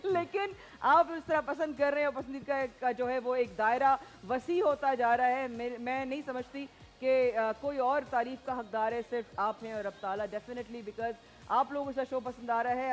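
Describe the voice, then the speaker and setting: A woman hosting a prize show on a TV studio set, lively and mixing in English phrases as she directs her guests. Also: high-pitched. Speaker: game show host.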